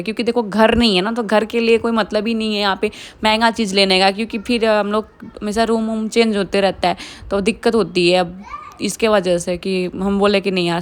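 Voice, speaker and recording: A woman's voice: mid-range voice, clean tone. Young woman vlogger from India, casual voice-over, chatty, laughs often.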